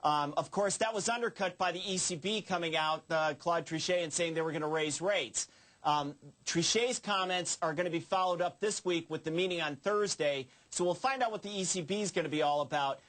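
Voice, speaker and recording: A man's voice: fairly high pitch, fairly quick, fairly bright tone. A man appearing as a market analyst guest on a business news show, explaining the currency outlook in a conversational way. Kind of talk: cable business news discussion.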